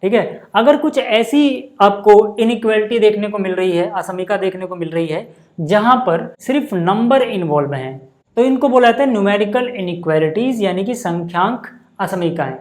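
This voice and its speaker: A man's voice: sits high, animated. Male maths tutor, patient and repetitive, checks in constantly with rhetorical questions. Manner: patient, repeats examples slowly. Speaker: maths teacher. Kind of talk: whiteboard maths lesson.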